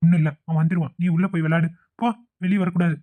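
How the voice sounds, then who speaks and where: A woman doing a calm middle-aged man. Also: on the low side, no room sound, natural voice. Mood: hurried. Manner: reassuring, quick talking. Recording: dull, dry home recording.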